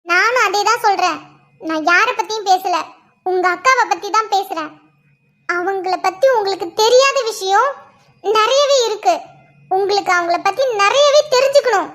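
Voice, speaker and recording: A woman's voice: very high-pitched, normal speed, a bit bright. A woman voicing a furious young wife in a cartoon drama, accusing and scornful. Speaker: cartoon character voice.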